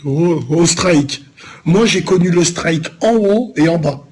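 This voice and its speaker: A man's voice: a little high, slow, darkish tone, slightly rough. A man from Lyon, France, streaming live, answering viewers in a loose, rambling, teasing way full of street slang. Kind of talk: casual live-stream chat.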